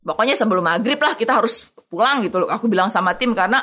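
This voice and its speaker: A woman telling a field-reporting story in conversation, animatedly acting out the voices she quotes. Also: very fast. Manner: animated, acts out quoted voices with big pitch jumps.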